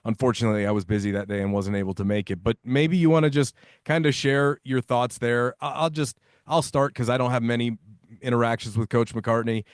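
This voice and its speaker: An opinionated man talks sports as a podcast guest, leaning hard on his points and climbing in pitch when he pushes. His voice is mid-pitched. It is recorded close and dry. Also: steady tone, fairly quick, clear, resonant tone, no room sound. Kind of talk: casual sports podcast chat.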